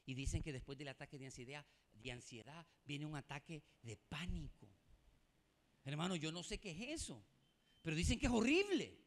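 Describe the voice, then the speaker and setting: A man's voice: a little high, animated, moderate pace. A male pastor from El Salvador with a Salvadoran Spanish accent, preaching a sermon in a conversational way, calling his listeners "hermano" and laughing at his own jokes. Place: church.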